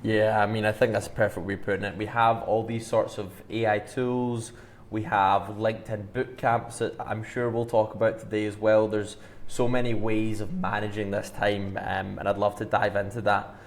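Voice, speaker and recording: A man's voice: on the low side, flat delivery, normal speed. A man hosting an interview, asking friendly and eager questions. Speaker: podcast host.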